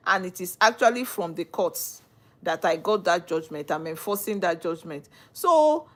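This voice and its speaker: A woman's voice: lowish voice, normal speed, a bit bright. Nigerian woman lawyer explaining earnestly. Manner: earnest, repeats phrases while explaining. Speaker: lawyer hosting a live stream. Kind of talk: live-stream talk answering viewers.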